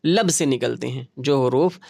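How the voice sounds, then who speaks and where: A man's voice: mid-range voice, measured pace, creaky, a little mellow, dry recording, clean studio sound. A man teaching a grammar lesson, patiently repeating terms and sounding out letters for learners to say along with him. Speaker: Urdu teacher.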